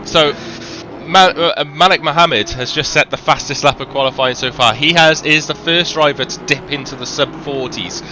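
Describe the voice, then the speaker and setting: A man's voice: on the high side, normal speed, pushed and bright, a little hiss or hum. A man with a faint Welsh accent doing live sim racing commentary, chatty, with lots of ums and self-corrections. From Wales.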